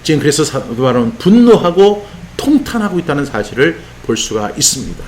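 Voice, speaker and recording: A man preaching an expository sermon as a pastor, animated and sometimes shouting out rebukes. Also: a little high, fairly quick, slight background noise. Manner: animated, voices apostle's rebukes in raised exclamations.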